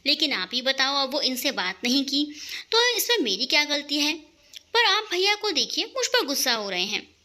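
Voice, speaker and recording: A woman's voice: high voice, sing-song, normal speed, sharp tone, exaggerated voice. A woman voicing a cheeky young woman who teases her brother in a romantic audio story. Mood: teasing. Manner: cheeky, teasing.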